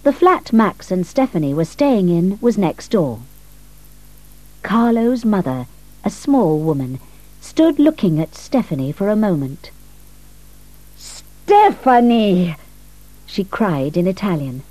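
A woman narrating a story in a calm, measured reading. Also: fairly low pitch, dry recording, rough recording.

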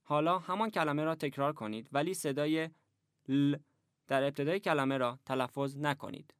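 A man narrating a language lesson, giving measured, even instructions in a scripted way. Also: a little high, smooth, dry recording, clean studio sound.

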